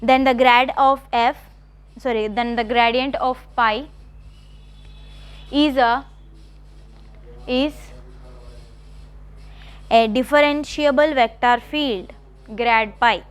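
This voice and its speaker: High-voiced woman lecturer. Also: steady tone, smooth. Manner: repetitive, slow dictation with checking questions. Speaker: college math lecturer. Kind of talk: classroom lecture dictating notes.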